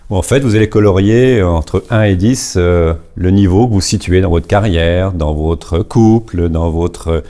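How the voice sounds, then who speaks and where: A man's voice: low-pitched, measured pace, hardly any pauses, mellow. A man giving an informal business coaching talk, explaining step by step with many fillers and repeated words.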